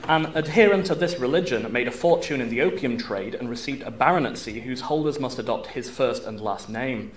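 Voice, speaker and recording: In a university room at a quiz tournament, a man acting as quizmaster reads questions formally, enunciating with care. His medium-pitched voice is fairly quick with hardly any pauses, and the live room carries background noise.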